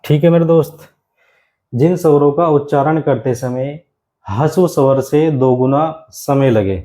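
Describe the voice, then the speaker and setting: Poor audio captures a male grammar teacher in an exam-prep session, his voice high-ish with a dark tone. He keeps saying "my friend" to the class and slowly repeats important phrases for students to copy.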